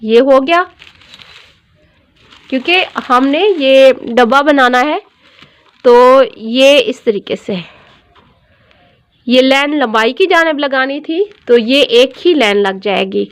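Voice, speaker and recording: A woman's voice: sits high, slow, long pauses. A woman teaching a dressmaking tutorial, explaining each step patiently and repeating every measurement.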